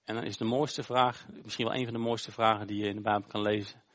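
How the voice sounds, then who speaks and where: A male pastor gives an informal sermon during a church service. He tells a Bible story conversationally, often pausing on "eh". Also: lowish voice, little pitch movement, a bit bright. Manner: informal, storytelling, with frequent hesitations.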